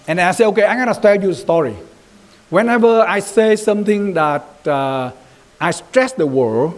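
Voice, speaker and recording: A man with a Vietnamese accent giving an informal training lecture as a Buddhist youth leader, talking loosely and often checking in with "right?". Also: fairly high pitch. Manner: loose and conversational, mixing in Vietnamese phrases, frequent "right?" check-ins.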